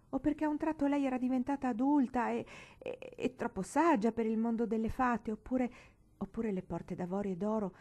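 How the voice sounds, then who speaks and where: A woman reading a classic novel aloud with expressive, emotive narration. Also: fairly high pitch. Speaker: audiobook reader.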